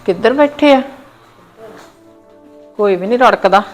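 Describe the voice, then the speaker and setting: An actress playing an elder sister-in-law who feels slighted and talks at length. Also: female voice, mid-range voice, expressive, unhurried, soft background music, lightly acted. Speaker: actor in a family drama. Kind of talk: village family drama acting.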